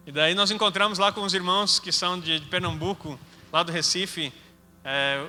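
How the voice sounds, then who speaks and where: A man's voice: sits high, bright, forceful tone. A man with a Gaúcho Brazilian accent teaching a sermon in a conversational way with joking asides. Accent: Gaúcho Brazilian Portuguese. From Rio Grande do Sul, Brazil. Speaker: apostle preaching. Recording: hall reverb with faint music.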